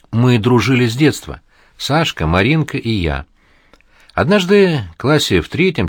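A man narrating a story in the first person, measured and expressive. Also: medium pitch, no echo, studio quality. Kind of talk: audiobook narration.

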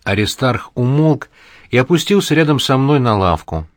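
A man narrating a story in the first person, measured and expressive. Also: mid-range voice, dry recording, clean studio sound. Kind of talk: audiobook narration.

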